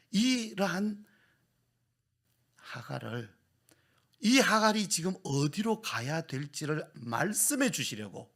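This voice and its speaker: Fervent pastor, lively pitch, husky edge. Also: male voice. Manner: swings from loud fervent exhortation to hushed whispers. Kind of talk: sermon. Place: church sanctuary.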